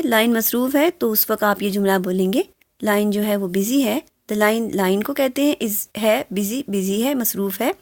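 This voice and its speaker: A woman with a fairly high voice gives a spoken English lesson, going through phrases word by word. Her first language is Urdu, and she reads the English examples slowly and carefully. The sound is dry and close. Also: dry recording. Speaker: English teacher.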